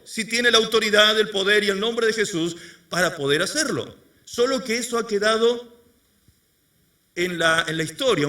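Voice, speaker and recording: A man preaches in a high, bright, sharp-edged voice that swings widely up and down. He keeps putting questions to the congregation as he goes. He sounds a little distant from the microphone. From Argentina. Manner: quizzes the congregation with rhetorical questions. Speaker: pastor. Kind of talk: sermon. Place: church service before a congregation.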